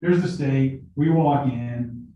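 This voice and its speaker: A man with a slow, mellow, mid-range voice questions prospective jurors over a video call, explaining things conversationally and often saying the same words again. The audio is lo-fi, very echoey, and picked up from a distant mic.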